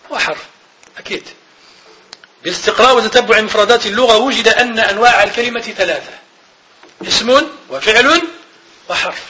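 A man giving a classroom grammar lecture, repeating each definition slowly and checking that students follow. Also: high voice, bright, forceful tone, muffled recording. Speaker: grammar teacher.

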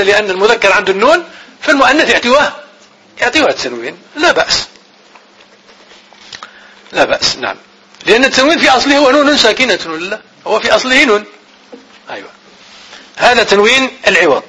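A man teaching grammar in class, repeating definitions slowly as if dictating and asking his students questions he then answers himself. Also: very high voice, bright, forceful tone, husky, rough recording.

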